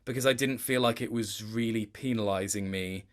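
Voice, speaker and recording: A video game voice actor chats casually as an interview guest, sounding thoughtful, hesitant and a little self-deprecating. His voice is on the low side, and he talks at a moderate pace.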